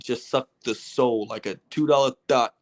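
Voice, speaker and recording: A man's voice: mid-range voice, moderate pace. A man hosting a casual sports podcast, ranting in an exasperated, heated way with swearing and teasing of his co-hosts. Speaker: podcast host.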